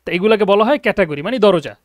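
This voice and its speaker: High-voiced male Arabic teacher, dry. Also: animated, racing, dry recording. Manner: explains patiently, often checks understanding with questions. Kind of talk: online grammar lesson. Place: abroad in Egypt, teaching online.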